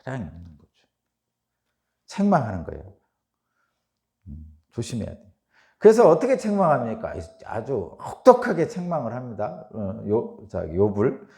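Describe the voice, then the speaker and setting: A middle-aged male pastor delivers an early morning sermon in a warm, mellow voice with a gravelly edge. His pitch moves widely as he reads scripture and follows it with rhetorical questions. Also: moderate pace, long pauses. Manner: reads scripture aloud, then explains with animated rhetorical questions.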